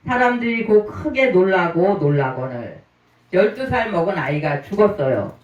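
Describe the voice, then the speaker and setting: A man's voice: high voice, big pitch swings, moderate pace, highs cut off. A male pastor delivering a sermon in a reverberant church sanctuary, heard from a distance. He retells the story and keeps turning to the congregation with rhetorical questions. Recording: roomy church, mic at a distance.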